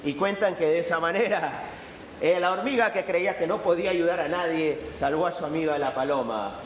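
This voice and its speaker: A man, a storyteller telling a fable live to an audience in an animated, expressive way. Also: fairly high pitch, a little fast, echoey room, a little hiss or hum, poor audio. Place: event hall at a book fair.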